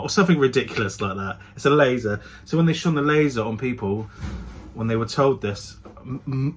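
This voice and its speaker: A man with a lowish, somewhat bright voice chats casually to camera, with slight background noise behind him. As he vlogs, he tends to hedge and correct himself.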